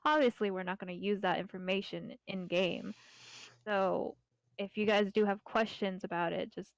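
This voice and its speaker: A woman with a smooth, clear voice of average pitch, in a very dry recording. She leads an informal online meeting as an admin, explaining in a halting, conversational way. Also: fairly even intonation, no echo. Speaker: admin leading an online game community meeting.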